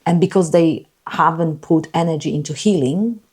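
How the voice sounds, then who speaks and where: A woman from Poland, a guest telling her life story in a podcast interview, earnest and halting, often repeating her words. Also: deep voice, a little mellow, breathy edge.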